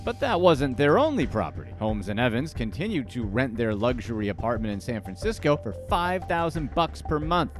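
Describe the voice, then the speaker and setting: A man narrating a scripted documentary-style video, with a wry edge to his delivery. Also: medium pitch. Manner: wry asides.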